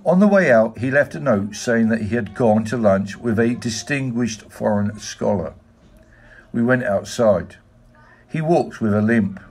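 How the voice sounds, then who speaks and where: A man reading a literary novel aloud in a measured, even manner. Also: medium pitch. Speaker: audiobook reader. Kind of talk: scripted narration.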